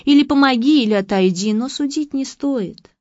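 A woman voicing a quiet, gently wise young woman who speaks calmly and earnestly. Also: sits high, moderate pace, no room sound, muffled recording, pitched above the performer's own voice, natural voice.

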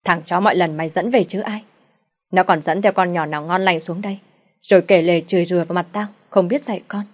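A woman voicing a drunken, abusive middle-aged father who shouts insults at his family. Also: on the low side, steady tone, lightly acted. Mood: raging. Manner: shouting insults, fast and loud.

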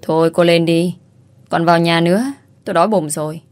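A woman's voice: fairly low pitch, fairly even intonation, a little fast, darkish tone, close to an everyday voice. A woman voicing a crude, curt young man who mocks and teases. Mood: teasing. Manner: curt, mocking.

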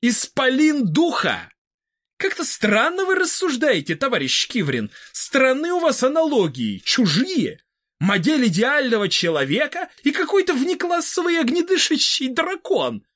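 A man voicing a pompous middle-aged scientist who preaches in slow, slogan-filled phrases. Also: extremely high pitch, huge pitch swings, a bit bright, heavily acted. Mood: lecturing. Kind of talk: audiobook character reading.

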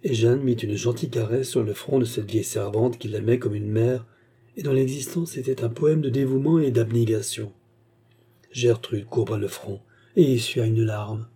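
A man's voice: medium pitch, fairly even intonation, normal speed, warm tone, husky. A man steadily narrating a classic novel as an audiobook.

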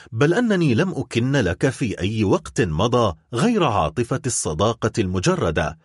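A man voicing a gentle young woman in an audiobook, speaking calmly and firmly in a raised voice. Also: mid-range voice, breathy edge, no room sound, studio quality. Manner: calm, composed. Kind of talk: audiobook character voice.

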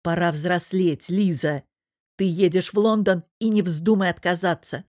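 A woman's voice: on the low side, fairly even intonation, unhurried, darkish tone, dry recording, studio quality, natural voice. A woman voicing an adult man who speaks firmly and coldly, pressing for answers. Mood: stern. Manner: firm, icy, pressing. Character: stern, cold-toned adult man confronting a girl.

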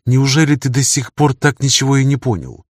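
A man's voice: mid-range voice, fairly quick, no room sound, studio quality, pitched above the performer's own voice, close to an everyday voice. A man voicing a captive young woman who is sulky and defiant, snapping and pleading by turns.

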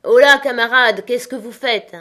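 Lady reading as a loud hearty old sea cook, gruff and sly, storybook style. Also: medium pitch, moderate pace, natural voice. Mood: loud protest.

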